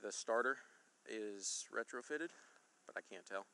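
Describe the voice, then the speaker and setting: A man's voice: on the low side, measured pace, sharp tone, clear, resonant tone. A man working as a police officer, recounting an incident to colleagues outdoors. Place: outdoors by a road and river.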